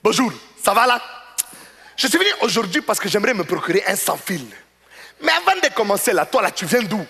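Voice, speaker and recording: A man voicing a pushy, proud, easily offended male customer who lectures loudly in a stand-up comedy bit on a large theater stage. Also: sits high, fairly quick, vocal fry, full character voice. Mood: lecturing. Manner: indignant, lecturing, rising to excited outbursts. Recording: stage mic with hall reverb, faint noise.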